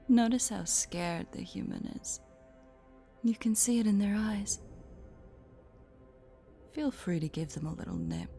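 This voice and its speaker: A woman with a lowish, mellow voice plays a possessive, sadistic spider-woman in a roleplay audio drama. Smugly playful and taunting, she delivers breathy, teasing, condescending coos over music.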